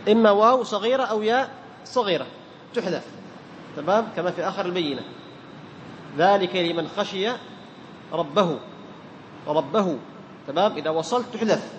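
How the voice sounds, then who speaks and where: A man with a notably high voice teaches Quran recitation to a class, asking his students questions and repeating each term for emphasis. He sounds set back from the mic in a large room, his words ringing out in a long reverb, with a faint hum of ambience behind. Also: lively intonation, highs cut off. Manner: quizzes students and repeats key terms, chants the verse examples slowly.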